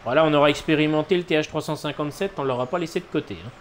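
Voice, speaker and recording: A man with a fairly high voice races through casual live commentary while streaming a game, tossing out noncommittal, shrugging asides. Game ambience is clearly audible in the background.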